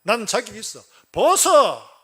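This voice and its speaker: This is a bitter grown son who feels cheated and shouts at his father with no respect, voiced by a male preacher. The voice pushes up high and hard and stays blunt and self-righteous throughout. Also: very animated, normal speed, slightly rough, heavily acted. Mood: indignant.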